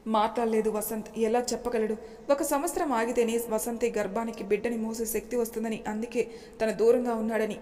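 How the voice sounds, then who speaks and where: A woman reading a family story aloud in smooth, measured narration. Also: a little high, fairly even intonation, dark tone. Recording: long hall reverb.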